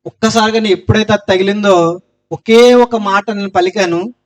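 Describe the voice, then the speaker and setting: High-voiced man giving an earnest testimony. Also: steady tone, normal speed. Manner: earnest storytelling, loud cries of Jesus' name. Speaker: testimony speaker.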